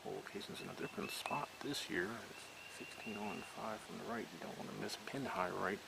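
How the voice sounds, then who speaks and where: Male golf commentator, very creaky delivery, calling play hole by hole outdoors over strong background noise. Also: lowish voice, a little fast. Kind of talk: golf commentary, following one player hole by hole. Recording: noisy outdoor recording with ambient sound.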